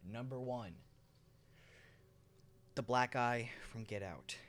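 A man in a relaxed podcast conversation, blunt and jokey and quick to swear. His voice sits at a middling pitch and stays plain. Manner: blunt, joking, swears freely. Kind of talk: casual chat.

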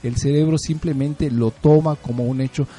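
A man's voice: fairly high pitch, steady tone, moderate pace, mellow, breathy edge, faint music behind. A middle-aged man with a Mexican accent, hosting a casual talk on parenting, telling stories in a chatty way with frequent rhetorical questions. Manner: storytelling, conversational, rhetorical questions. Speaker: host.

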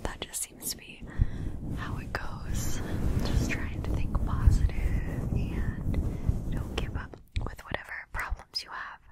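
A woman whispering slow, reassuring ASMR very close to a fluffy microphone, in a hushed and soothing manner. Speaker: ASMR host. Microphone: fluffy-covered mic close up, sounds from ear to ear. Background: soft mic scratching and brushing.

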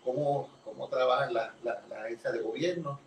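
A man with a Puerto Rican accent, an archaeologist guest, explaining in a measured, lecturing way during a conversational interview. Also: medium pitch. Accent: Puerto Rican Spanish. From Puerto Rico. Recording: roomy, distant mic with faint noise.

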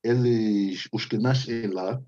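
A young man in casual conversation, insistent and halting, repeating his points, on a muffled microphone. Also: on the low side, mellow. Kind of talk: casual chat among friends.

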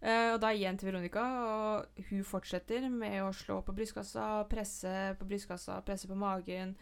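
Middle-aged woman, casual storyteller, gravelly voice, animated retelling. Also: mid-range voice. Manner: animated, vivid retelling with restarts. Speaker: storyteller in conversation. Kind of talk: casual chat.

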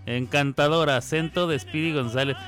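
Hosting a casual radio show over background music, a man with a Mexican accent reads listener comments and playfully teases the senders. His voice is a little high and moves at a moderate pace.

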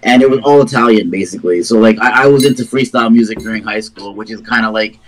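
A man's voice: on the low side, quick pace, poor audio. A man, telling stories as a podcast guest in an informal, rambling way. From Toronto, Canada. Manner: rambling, informal, checks in with "you know what I mean". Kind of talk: casual conversational storytelling.

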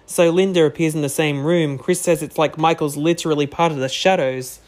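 A man's voice: fairly high pitch, steady tone, a little fast, darkish tone. A man co-hosting a podcast, casually recapping a horror film with jokes and casual swearing. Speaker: podcast co-host.

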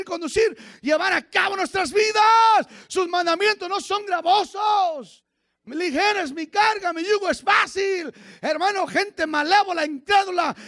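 A pastor preaching a fiery sermon, his voice pitched very high with a gravelly edge. He swings from low murmurs to shouted exhortation and keeps calling the congregation "hermano". The recording is dry and close, with little room sound. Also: dry recording. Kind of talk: fiery Pentecostal-style sermon.

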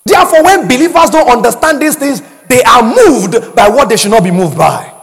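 Male pastor preaching loudly, high and animated, echoing in a big hall. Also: normal speed. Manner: preaching with call-and-response and frequent shouting. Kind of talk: sermon.

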